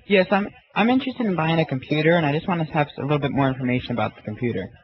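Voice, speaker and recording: A man speaking casually and haltingly, asking questions in the manner of a phone inquiry. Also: a little high, expressive. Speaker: prank caller. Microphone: phone call. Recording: muffled, noisy phone call recording.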